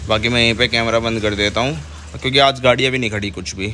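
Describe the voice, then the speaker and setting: A man's voice: mid-range voice, fairly even intonation, fast, sharp tone. A young man, chatting casually to viewers as he rides a motorbike through city traffic and points out the sights. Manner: chatty, points things out to viewers while riding. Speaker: vlogger. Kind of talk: casual motovlog narration. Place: on a motorbike on city roads outdoors. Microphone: helmet or chest camera mic while riding. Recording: wind and traffic noise. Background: engine and traffic noise.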